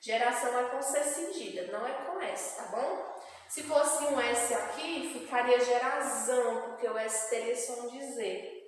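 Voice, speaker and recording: Brazilian schoolteacher, woman, slow and deliberate, fairly high voice, roomy reverb. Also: a little hiss or hum. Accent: Brazilian Portuguese. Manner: slow, clear, syllable-by-syllable teaching. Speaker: primary school teacher. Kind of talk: spelling lesson dictation review. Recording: echoey room with long reverb.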